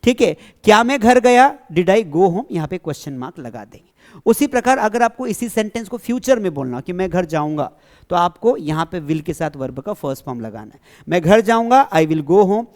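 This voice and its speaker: With a fairly high, sing-song, darkish voice at normal speed, a man teaches a class English grammar, explaining tenses. He keeps checking that students follow and asks questions he then answers himself.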